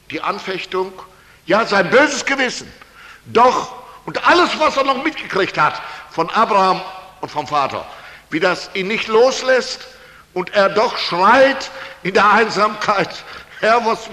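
A male preacher with a high, pushed, bright voice retells a Bible story in a sermon, keeping it folksy and colloquial and often tossing "nicht?" to his listeners. Long hall reverb surrounds him.

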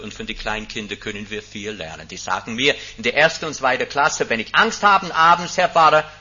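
An older man preaching a sermon as pastor, swinging from loud emphatic peaks to quiet, intimate lows, with a husky voice. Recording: dull lo-fi recording.

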